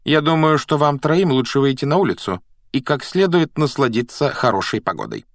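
A man voicing a strict older woman professor in a storybook reading, speaking in a cold, clipped, measured way. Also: medium pitch, very animated, dry recording, clean studio sound, voice pushed up. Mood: stern, cold.

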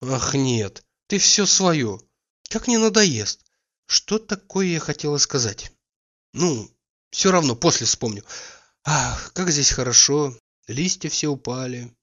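A man's voice: mid-range voice, slow pace, pitched above the performer's own voice. A man voicing a playful, teasing young woman in a read-aloud story. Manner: lively, teasing, carefree. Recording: dull lo-fi recording.

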